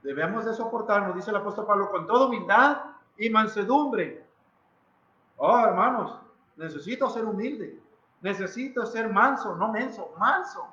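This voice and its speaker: With an animated delivery at normal speed, a pastor with a Mexican Spanish accent preaches to his congregation in a church hall. His voice sits high with a sharp tone, and he preaches dramatically and emphatically, repeating phrases and asking questions. The recording is lo-fi and echoey.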